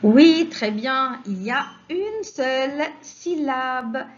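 A woman teaching a phonics lesson to young children, stressing each syllable slowly in a sing-song way. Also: high-pitched, lively intonation, lo-fi sound.

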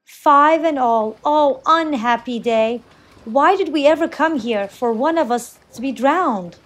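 A woman's voice: sits high, a little slow. A woman voicing foolish fisherman brothers who lament and fret as they count themselves in a storybook. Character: worried foolish fisherman brothers, adult men.

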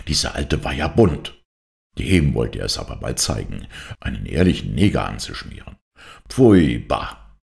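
A man reading a grotesque short story aloud as narrator, telling it expressively with dramatic pauses. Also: extremely low pitch, gravelly, darkish tone. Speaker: story reader. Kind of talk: scripted narration.

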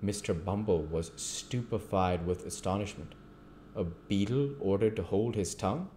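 A man reading a classic novel aloud at a measured pace, with the occasional stumble. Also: low-pitched, mellow, a little hiss or hum. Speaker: audiobook reader.

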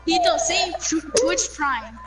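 A friend chatting casually and playfully complaining, laughing often. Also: female voice, extremely high pitch, sing-song, slow, recorded from a distance, over music.

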